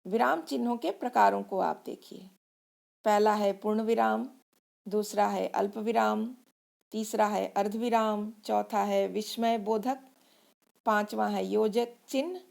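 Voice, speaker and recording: Gravelly-voiced woman teaching children. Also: a little high, darkish tone. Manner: patient, explaining slowly, reading example sentences aloud. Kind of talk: Hindi grammar lesson for children.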